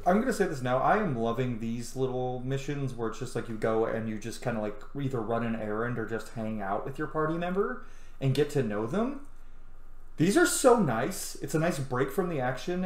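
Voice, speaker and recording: Expressive and fairly quick, this streamer's medium-pitched voice carries casual, excited, profanity-laced commentary on the game he's playing. The audio comes from a roomy mic in a small room at home, with game music underneath.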